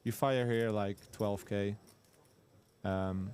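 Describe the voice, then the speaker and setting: A man's voice: on the low side, steady tone, slow, darkish tone, slight background noise. A man commentating live poker, breaking down hand strategy in detail with frequent restarts and repeated agreement.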